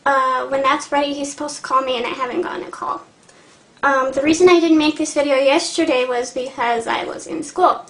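A young woman with a voice that sits high and a bit bright talks to camera in a casual vlog. She's earnest but hesitant, pausing a lot and using many fillers, in an echoey room.

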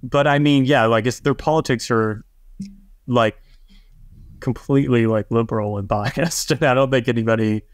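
A man's voice: mid-range voice, steady tone, normal speed, dry recording. Rambling laughing man, dry podcast mic. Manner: rambling, laughing, heavy "like" filler. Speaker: podcast co-host. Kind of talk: casual panel chat.

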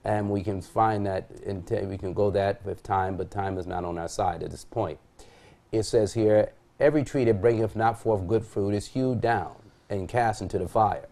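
A man's voice: on the low side, moderate pace, mellow. A middle-aged male pastor on a TV studio panel, reading Bible verses aloud and asking rhetorical questions that he then answers. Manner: reads scripture aloud, poses rhetorical questions and answers them. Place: TV studio set at a desk.

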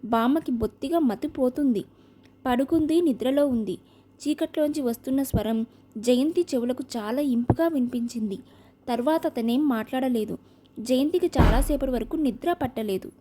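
A woman narrating a novel aloud in a steady, even reading. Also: sits high, normal speed. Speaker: audiobook narrator.

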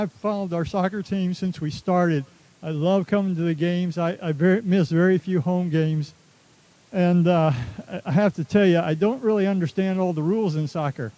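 A man's voice: sits high, mellow, dry recording, poor audio. A man from Texas giving a rambling, chuckling speech at an outdoor stadium ceremony. He tells stories about himself through a stadium microphone. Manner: rambling, chuckling, self-deprecating storyteller. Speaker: athletics director.

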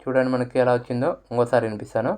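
A man's voice: medium pitch, flat delivery, racing, a little mellow, clear, resonant tone. A man with a Telugu accent explaining step by step how to use a phone app, repeating menu words aloud. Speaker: tutorial presenter. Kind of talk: screen-reader app tutorial.

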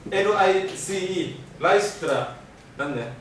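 A man giving an animated, joking lecture on language and pronunciation. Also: high-pitched, fairly quick. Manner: animated, jokey, uses Okinawan-flavored sentence endings. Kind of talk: lively public lecture. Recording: echoey hall from far off, faint noise.

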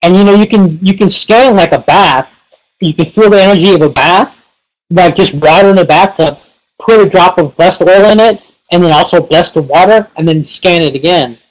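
High-voiced man teaching with lots of fillers. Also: moderate pace, poor audio. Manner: rambling, heavy on fillers like "you know" and "like". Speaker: pranic healing teacher. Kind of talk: casual webinar presentation.

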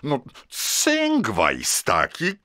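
Old Santa, children's radio play: kindly, flustered stammerer, drawn-out pace, hugely animated intonation. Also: male voice, medium pitch, no room sound, clean studio sound, full character voice. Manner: stammering, hesitant, fretful. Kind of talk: children's audio play acting.

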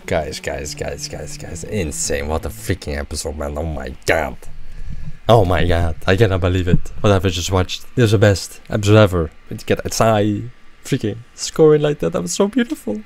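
A man's voice: low voice, moderate pace, vocal fry, slight background noise. A young man hosting a reaction video, exclaiming and repeating himself as he watches an anime episode. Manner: excitable, exclaiming, repeats phrases. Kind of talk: live reaction commentary. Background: anime soundtrack playing faintly.

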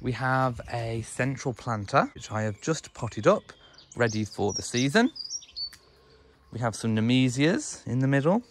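A man's voice: medium pitch, lively intonation, a little slow, slight background noise. A young man from England walking through his garden with a handheld phone, chatting enthusiastically, with ums and restarts as he thinks aloud. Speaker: vlogger touring his garden. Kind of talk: casual walking garden tour. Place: outdoors in a home garden and greenhouse. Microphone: phone camera held in hand while walking.

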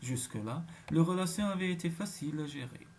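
A man narrating a romance audiobook in a steady, measured reading. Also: fairly high pitch, a little hiss or hum.

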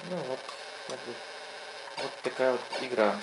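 A man giving casual gameplay commentary as a console reviewer, thinking aloud haltingly as he plays. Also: medium pitch, steady tone, creaky, heavy background noise. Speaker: video game console reviewer. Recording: loud game music behind voice. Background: loud video game music.

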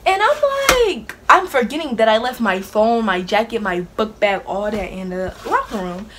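A young woman tells a story straight to the camera, animated and dramatic, with her pitch around the middle for a woman. She keeps it casual and chatty and laughs easily. A steady hiss sits under the recording. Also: moderate pace. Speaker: vlogger.

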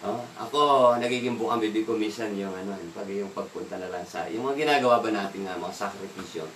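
A man with a lowish voice leads a conversational evening Bible devotional at a quick pace, casually asking listeners questions, mixing in English words, and laughing now and then. He sounds distant in an echoey room, with slight background noise.

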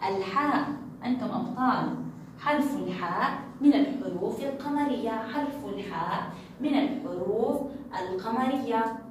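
A woman teaching a lesson to young children, stretching out words and syllables slowly and praising often. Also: on the high side, animated. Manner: slow drawn-out syllables, frequent praise. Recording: echoey room from a distant mic with noise.

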